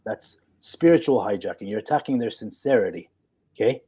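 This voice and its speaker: A man's voice: fairly low pitch, lively intonation, a little fast, warm tone, breathy edge. A man in his forties, a psychologist in a live chat, talking assertively and checking in with "okay?" as he explains. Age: 40s. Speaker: guest psychologist.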